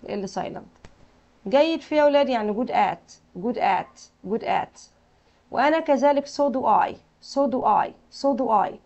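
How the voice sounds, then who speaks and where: Egyptian lady teacher, higher voice, says every word three times for the kids. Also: darkish tone. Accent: Egyptian Arabic. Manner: repeats each word in drills, quizzes the kids. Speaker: English teacher. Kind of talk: classroom lesson with drilled repetition. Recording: muffled lo-fi recording.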